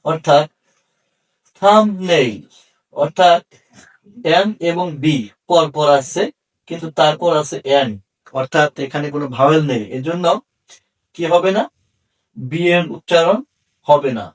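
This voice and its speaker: A man's voice: on the high side, unhurried, long pauses, distant mic, poor audio. A man with a Bangladeshi accent, a Bengali speaker, teaching English pronunciation in a short video lesson and spelling words out letter by letter.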